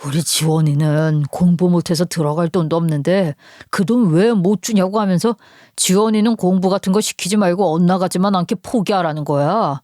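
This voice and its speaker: A woman's voice: lowish voice, moderate pace, dark tone, no echo, clean studio sound, natural voice. A woman voicing an angry middle-aged husband who grumbles in exasperation. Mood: aggrieved.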